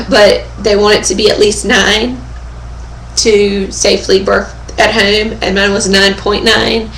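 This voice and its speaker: This young woman, a vlogger at home, uses her webcam microphone and speaks slowly in a casual, chatty way, her medium-pitched, fairly bright voice hoarse and fading with fairly even intonation. Pauses, fillers, and frequent throat clearing mark her speech, against an echoey room with a faint ambient hum.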